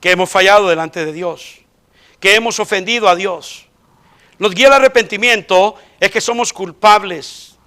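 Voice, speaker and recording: A male pastor preaching a sermon in a church, emphatic and rising sharply in pitch when he quotes voices. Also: normal speed, pushed and bright, smooth. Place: church sanctuary.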